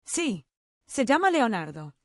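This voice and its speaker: A woman reads a quiet, guilt-ridden middle-aged mother in a storybook-style tale, her lines low and hushed. The voice still sits fairly high with lively pitch movement. It is recorded close and dry. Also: slow, no echo. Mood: guilty.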